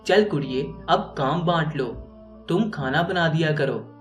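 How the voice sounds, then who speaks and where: A man's voice: fairly high pitch, unhurried, close to an everyday voice. A man voicing a bossy, complaining older mother-in-law. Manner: ordering, complaining. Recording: roomy, distant mic, faint music.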